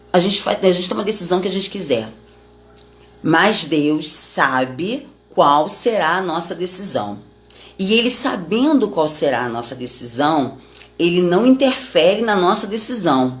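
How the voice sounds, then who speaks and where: Low-voiced woman teaching the Bible. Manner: conversational, many tag questions, explains with family examples.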